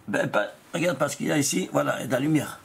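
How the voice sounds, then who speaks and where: A man's voice: expressive, vocal fry, husky. A man, a rabbi, giving a Kabbalah lesson, pointing out diagrams and asking rhetorical questions that he answers himself. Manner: keeps saying "alors" and "vous voyez" to the class; pitch and pace jump around a lot, now slow and stressed, now rushed. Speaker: rabbi teaching Torah. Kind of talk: Kabbalah lesson explaining diagrams and letter numbers.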